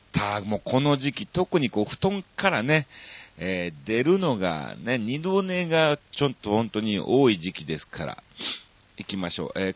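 A man from Osaka with a Kansai accent hosting a radio show, chatting casually and reading listener mail with lots of drawn-out fillers. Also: lowish voice, dry recording, lo-fi sound. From Osaka, Japan.

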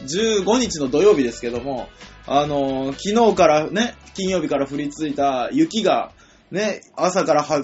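Husky, high-voiced man telling comic anecdotes. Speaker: comedian co-host. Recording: dull lo-fi audio with music behind.

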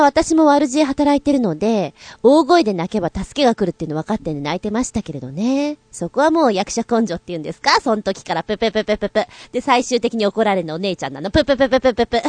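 A woman's voice: on the high side, dry recording. Female co-host with a bouncy, playful delivery and a dry, close sound. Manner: animated, playful storytelling with giggles; acts out quoted lines in exaggerated voices. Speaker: radio show co-host. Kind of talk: casual chat.

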